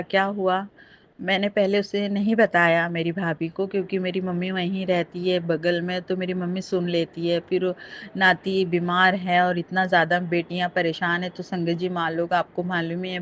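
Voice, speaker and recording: A woman's voice: fairly low pitch, little pitch movement, moderate pace, a little hiss or hum. A middle-aged woman earnestly telling a devotional testimony, speaking straight to her listeners. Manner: earnest, addresses listeners directly. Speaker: satsang storyteller. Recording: dull lo-fi recording.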